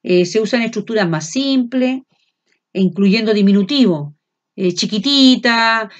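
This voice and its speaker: A woman with a Chilean accent teaches a lesson in a loud but never shouting voice. She keeps checking that her students follow and fills her pauses with short hesitation sounds. The recording is dull and lo-fi, and her voice sits at a middle pitch. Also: animated. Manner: frequent checks of "¿ya?" and fillers; speaks loud without shouting. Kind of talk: classroom lecture.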